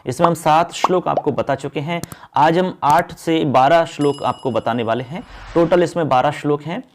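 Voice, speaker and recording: Male teacher, high voice, exam-focused lesson, slow verse chanting. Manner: addresses viewers as friends and children.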